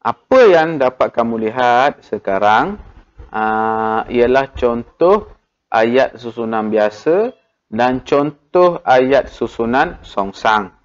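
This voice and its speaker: A male primary school teacher with a Malaysian Malay accent, patiently coaxing pupils through a recorded grammar lesson and filling pauses with "ha". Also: medium pitch, expressive. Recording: dull lo-fi audio.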